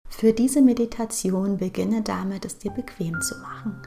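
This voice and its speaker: A woman guiding a meditation in a soft, hushed, breathy voice, speaking slowly and calmly with long pauses. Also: medium pitch. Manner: slow, calm, pausing, breathy soft delivery in meditation. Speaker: podcast host and meditation guide. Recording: music bed under the voice. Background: background music.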